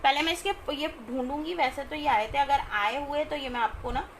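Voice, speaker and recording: A woman, chatting informally as she sells clothes on a live stream and often checking in with her listeners, over clear background noise. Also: sits high, a little fast. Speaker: live online clothing seller. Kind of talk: casual live shopping sales chat.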